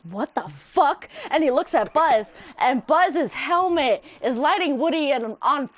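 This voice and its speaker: Young woman, high voice, rambling profane retelling over voice chat. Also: lively intonation, unhurried. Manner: rambling, swearing, laughing through it.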